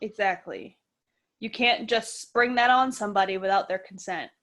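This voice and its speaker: A woman of about thirty co-hosts a casual podcast, talking frankly and jokingly. Her voice sits at an ordinary middle pitch, and her talk is loose and full of fillers. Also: normal speed, a bit bright. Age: 30s. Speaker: podcast co-host. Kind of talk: casual chat.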